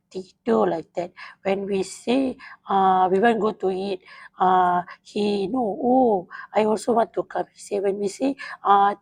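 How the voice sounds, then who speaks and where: A woman whose first language is Mandarin chats casually on a podcast in simple, broken English full of fillers. Her medium-pitched voice is creaky, a little mellow and breathy, with no room sound but poor audio quality.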